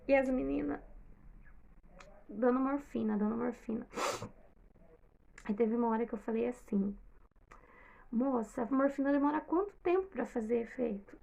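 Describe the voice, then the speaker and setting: A woman's voice: fairly high pitch, normal speed, creaky, long pauses, a little mellow, dull audio. A Brazilian woman emotionally retelling a personal story, acting out quoted dialogue. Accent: Brazilian Portuguese. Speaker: vlogger.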